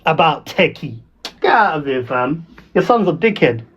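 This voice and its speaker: A man's voice: on the high side, big pitch swings, moderate pace, husky. A man with a London roadman accent and slang, ranting on a livestream in a taunting, confrontational, repetitive way. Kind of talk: ranting livestream trash talk. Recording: dull lo-fi audio.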